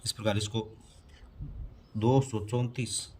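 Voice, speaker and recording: Slow, low-leaning and darkish, with a breathy edge and little pitch movement, a man's voice carries a classroom-style math lesson. The math teacher explains primary-school material on a board step by step, asking and then answering his own questions.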